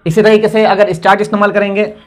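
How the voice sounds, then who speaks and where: High-voiced man teaching English grammar. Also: flat delivery. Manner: reads English examples slowly, then translates; encouraging pep talk. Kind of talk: spoken grammar lesson.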